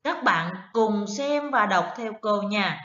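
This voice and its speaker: A woman primary school teacher giving an online math lesson to first graders, counting aloud slowly and prompting the children to repeat after her. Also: medium pitch, animated, sharp tone, echoey room, dull audio.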